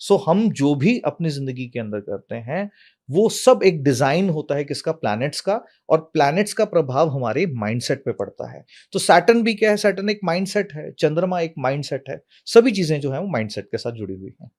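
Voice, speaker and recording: A man, an astrology expert, explaining at length in an interview, calmly and like a teacher, asking questions and then answering them himself. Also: fairly high pitch, a little fast. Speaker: astrology and numerology guest expert.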